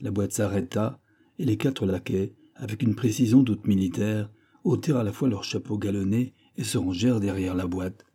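A man reading a classic novel aloud in a measured, steady narration. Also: on the low side, slightly rough. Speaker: audiobook reader.

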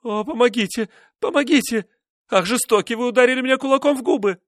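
A man's voice: normal speed, dry recording, clean studio sound, lightly acted. A man voicing a frightened noblewoman who pleads with her cruel husband in an audiobook. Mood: terrified. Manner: high, pleading, tearful. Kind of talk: audiobook character reading.

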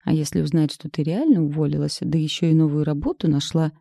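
A woman's voice: deep voice, quick pace, gravelly, warm tone, dry recording, studio quality. A woman voicing a shrewd middle-aged mother who teases and pushes her daughter, lifting her voice a little for the part. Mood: coaxing. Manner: wry, knowing, pushy.

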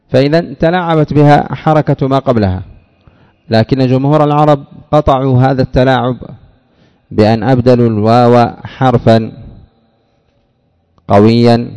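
A man teaching an Arabic grammar lesson, explaining step by step, asking rhetorical questions and drawling out example words slowly. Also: medium pitch, mellow, smooth, big-room sound. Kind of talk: classroom lecture on grammar.

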